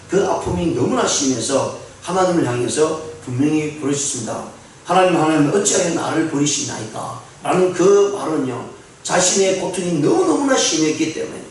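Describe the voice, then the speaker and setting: Earnest preacher in a very echoey church. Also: male voice, a little high, a little hiss or hum. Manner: earnest preaching with rising emphasis. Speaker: pastor. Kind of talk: dawn prayer sermon. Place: church sanctuary. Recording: very echoey room, mic at a distance.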